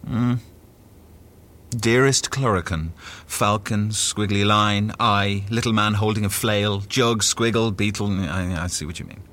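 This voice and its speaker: An actor playing a suave, sly fae noble and courtly emissary, with a flippant, theatrical manner, in an audio drama. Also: male voice, lowish voice, unhurried, fairly bright tone. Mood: wry, idle. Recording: music behind the voice.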